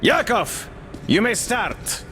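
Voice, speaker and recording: An actor playing a smug, mocking cannibal leader who talks like a polite official, in a video game. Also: male voice, high voice, sing-song, slow, sharp tone, big-room sound, slight background noise, exaggerated voice. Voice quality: mocking, smooth and theatrical.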